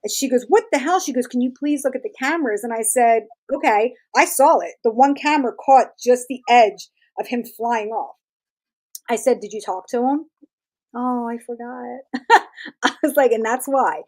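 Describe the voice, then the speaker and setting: A woman in her forties tells stories as an interview guest in a somewhat high voice. She talks in a lively, laughing way and acts out other people's lines as she goes. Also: moderate pace. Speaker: guest, tattoo artist and shop owner. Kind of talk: casual storytelling interview.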